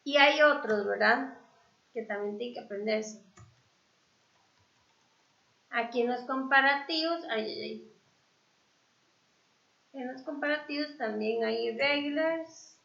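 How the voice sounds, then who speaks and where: Woman teacher, slow, patient explanations with fillers, gravelly, echoey lo-fi sound. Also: on the high side, bright, forceful tone. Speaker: English teacher. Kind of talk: online class review.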